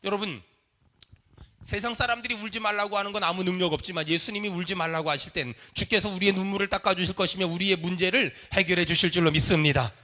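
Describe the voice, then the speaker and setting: Bright, high-voiced preacher leading a congregation. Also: male voice, quick pace. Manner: leads the congregation in call and response. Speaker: pastor. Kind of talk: sermon. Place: church sanctuary.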